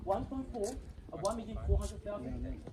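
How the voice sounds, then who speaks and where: Male real estate auctioneer, extremely high voice, showy rallying patter and repeated bid calls. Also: sing-song, normal speed, crowd noise. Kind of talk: live auction calling, repeating bid amounts. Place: live property auction before a crowd.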